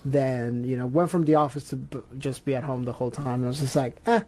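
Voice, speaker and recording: A man's voice: medium pitch, steady tone, fast, mellow. A young man from Peru chatting casually as a podcast guest, hesitant with many fillers and restarts. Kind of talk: casual chat.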